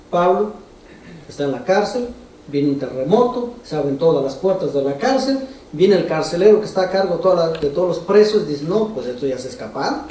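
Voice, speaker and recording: A man preaches in a large church hall, his voice heavily echoing and picked up from a distance. His tone is mellow and a touch high, and he talks to the congregation conversationally, asking them questions directly. A faint room hum sits underneath. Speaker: pastor. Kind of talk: sermon. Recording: roomy echo from far off.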